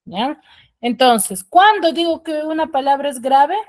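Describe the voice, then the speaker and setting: A fairly high-voiced woman teaches over a video call, speaking slowly and carefully. She keeps checking that her students understand before moving on. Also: a little mellow. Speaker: schoolteacher. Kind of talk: online class explanation.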